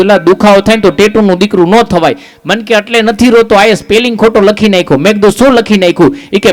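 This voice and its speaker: A man telling jokes on stage in a live stand-up comedy show, acting out little stories with quoted dialogue. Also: high voice.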